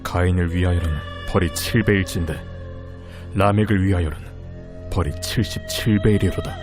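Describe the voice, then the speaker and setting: A man's voice: deep voice, steady tone, moderate pace, close to an everyday voice. A man reading as a boastful ancient patriarch. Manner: solemn declaiming. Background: background music.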